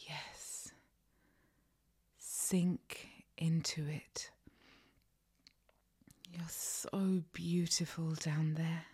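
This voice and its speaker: A woman doing a whispered ASMR roleplay, giving slow, commanding instructions in a soft whisper with endearments and quiet laughs. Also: lowish voice, breathy edge.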